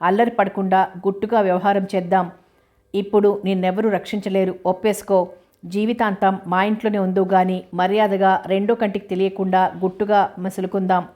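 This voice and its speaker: A scheming middle-aged man pressing his case, insistent and pushy, voiced by a woman reading a story. His voice stays steady, with little rise or fall. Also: medium pitch, a little fast, lightly acted.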